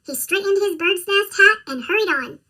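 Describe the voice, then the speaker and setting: A woman's voice: very high voice, expressive, normal speed, sharp tone, recorded from a distance. A woman narrating a children's storybook, her voice sped up with a chipmunk effect.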